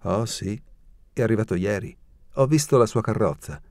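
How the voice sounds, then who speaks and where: A man voicing a playful, knowing young woman of the court in an audiobook, speaking in a soft, sly tone. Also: on the low side, moderate pace, dry recording, studio quality, close to an everyday voice. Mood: teasing.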